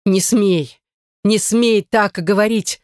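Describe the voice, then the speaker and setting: A woman's voice: fairly low pitch, normal speed, a little mellow, dry recording, lightly acted. A woman voicing a young woman who is frightened and indignant, desperate and close to tears. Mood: furious.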